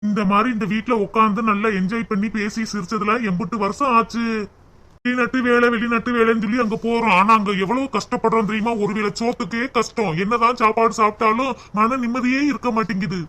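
A man's voice: very high voice, steady tone, fast. A man voicing a grown village son back from work abroad, homesick and fond of his family. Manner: warm, homesick.

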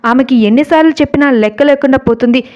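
A strict, anxious mother who scolds, voiced by a woman narrator. It is a high voice in a storybook telling. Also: fast, darkish tone, highs cut off, lightly acted. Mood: stern.

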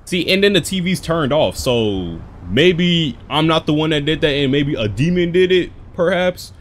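A man's voice: on the high side, animated, moderate pace, slight background noise. A young man giving casual, slangy commentary as a scared horror game streamer, jumpy and exclamatory. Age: young adult. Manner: slangy, says "bro" constantly. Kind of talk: casual reactive gameplay commentary. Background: game music and sound.

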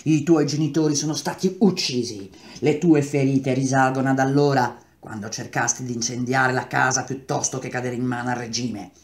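A man voicing a young woman rebel in a read-aloud novel, firm and steady. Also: mid-range voice, normal speed, few pauses, natural voice. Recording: roomy echo.

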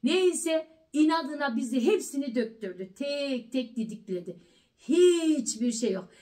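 A woman's voice: high-pitched, expressive, unhurried, warm tone. A middle-aged woman vlogger telling a story casually and with animation, repeating words for emphasis. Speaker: family vlogger.

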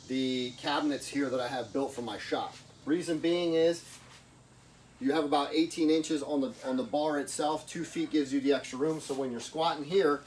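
Filmed up close on a handheld camera, a middle-aged man casually explains his home project one step at a time, moving between garage and yard. He speaks in a mid-range voice, chatty and plain, with slight background noise in this how-to vlog.

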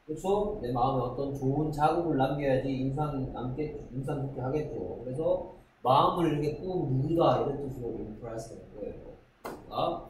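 A man's voice: medium pitch, normal speed, slight background noise. Man, middle-aged teacher, classroom lecture, repeats words, quizzes students, echoey room, faint ambience. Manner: repeats words, asks rhetorical questions. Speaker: middle school English teacher.

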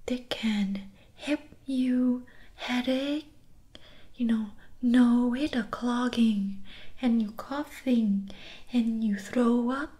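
A young woman playing a pushy shopkeeper in an ASMR role-play, soft-spoken and breathy with a Vietnamese accent and clipped broken-English sales patter. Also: fairly high pitch, fairly even intonation, very slow. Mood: soft, salesy. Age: young adult. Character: pushy, persuasive female Vietnamese shopkeeper selling sleep remedies. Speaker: ASMR performer.

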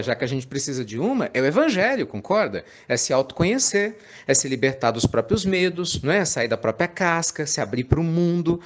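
A man giving an informal sermon, chatty and playful, full of tag questions. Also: fairly high pitch. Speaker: spiritist preacher.

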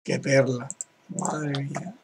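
Gravelly-voiced man laughing through gameplay. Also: medium pitch, little pitch movement, takes it slowly, darkish tone, slight background noise. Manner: laughs often, reads out chat with "dice". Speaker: gaming youtuber. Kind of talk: casual gameplay commentary.

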